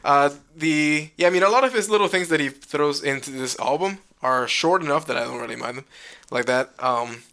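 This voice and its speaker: A man's voice: on the high side, a little fast, bright, forceful tone, clean tone. A man co-hosting a podcast, chatting casually about albums with many fillers and restarts. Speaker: podcast co-host. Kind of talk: casual music chat.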